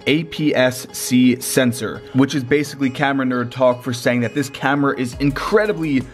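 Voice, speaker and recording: A young man narrating his travel vlog with excited energy, partly outdoors in winter and inside a sauna. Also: medium pitch, moderate pace. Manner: enthusiastic, excitable, shouts and laughs in the cold. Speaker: travel vlogger. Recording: vlog with clear background music.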